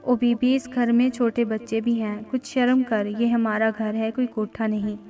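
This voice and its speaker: A woman's voice: a little high, level tone, normal speed, dark tone, natural voice. A woman voicing a bitter mother-in-law who taunts scornfully.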